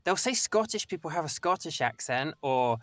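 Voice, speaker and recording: A young Englishman with a slightly high, fairly bright and expressive voice talks at normal speed as a voice-actor guest. His casual interview chat rambles, and he keeps interrupting himself.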